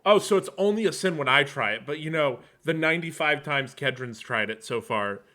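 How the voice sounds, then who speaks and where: A man's voice: fairly high pitch, expressive, brisk, sharp tone. A man playing a character in a tabletop game, casual and sarcastic. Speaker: player.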